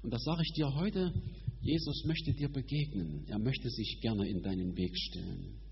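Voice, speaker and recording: A man preaching a sermon in a colloquial, emphatic way, stretching and rushing his words for effect. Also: mid-range voice. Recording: dull sound in a reverberant hall with faint hum.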